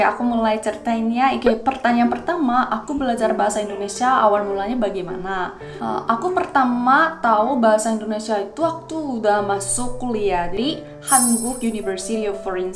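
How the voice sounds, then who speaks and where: A young woman from South Korea, a native Korean speaker with a Korean accent, hosting a casual explainer vlog and answering questions. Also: medium pitch. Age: young adult. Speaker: video host. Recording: roomy echo, music behind.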